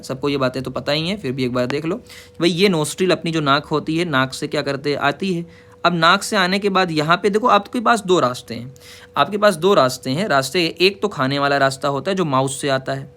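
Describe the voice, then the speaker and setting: A man teaching a biology lesson, reading English lines slowly and explaining them in casual Hindi while asking and answering his own questions. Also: on the high side, fairly bright tone. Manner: informal, says "yaar" and "bhai". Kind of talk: classroom lecture explaining a diagram.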